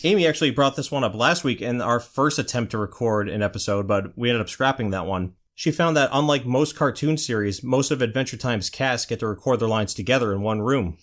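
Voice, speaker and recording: A man's voice: mid-range voice, brisk, few pauses, fairly bright tone. A man co-hosting a podcast in casual chat, keen and enthusiastic, steering the talk with questions. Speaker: podcast co-host.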